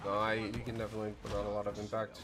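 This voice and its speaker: A man's voice: on the low side, completely flat delivery, racing. A man talking casually with teammates as he plays an online team shooter. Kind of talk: casual gaming chat. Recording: clearly noisy game-session audio. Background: clear background noise.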